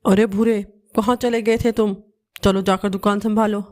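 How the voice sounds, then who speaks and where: A woman's voice: mid-range voice, level tone, moderate pace, darkish tone, natural voice. A woman voicing a stern elder male crow who runs a shop and scolds his brother in a cartoon. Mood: bossy. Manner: scolding, bossy.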